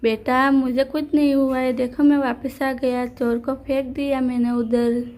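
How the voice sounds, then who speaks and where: A woman's voice: high-pitched, level tone, measured pace, a little mellow. A woman voicing a protective village father in a doll story, in her own plain storytelling voice. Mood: gentle.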